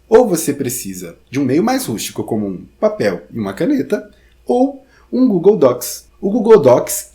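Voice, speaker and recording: A Brazilian man with a mid-range, dark-toned voice gives an informal tutorial, addressing the viewer directly. A theatre teacher and podcast host, he speaks in a theatrical yet conversational manner.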